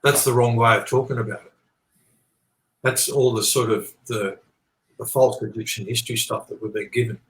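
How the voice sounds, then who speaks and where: A man's voice: medium pitch, steady tone, normal speed, pauses often. A man being interviewed, explaining his ideas in a rambling, earnest, conversational way, often repeating points and checking he is followed. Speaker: interview guest. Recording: echoey, roomy sound.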